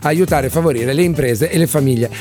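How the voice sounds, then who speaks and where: A man's voice: on the high side, fast talker, darkish tone, faint music behind. A man presenting live radio as a chatty, playful Italian quiz host.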